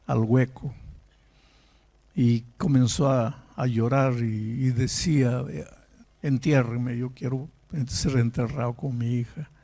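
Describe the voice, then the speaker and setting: A man's voice: medium pitch, creaky, a little mellow. A male pastor preaching in a dramatic storytelling manner, acting out the voices in his story and building to emotional peaks. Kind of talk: sermon storytelling.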